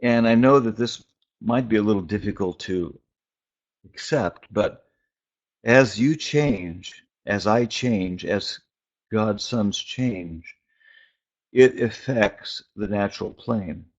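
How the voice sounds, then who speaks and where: A man, a preacher and spiritual teacher, gives an informal prophetic sermon over a phone conference call, reflective and delivered in short, halting phrases with long pauses. His pitch is fairly low. The audio is dull and band-limited, typical of a conference call.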